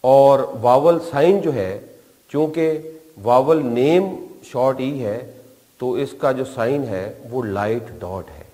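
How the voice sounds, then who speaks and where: A Pakistani man with a Pakistani accent teaches a shorthand class at a board, patiently explaining step by step and repeating key terms. His voice is medium-pitched, slow and warm. The lecture was recorded in a hall-like room with long reverb.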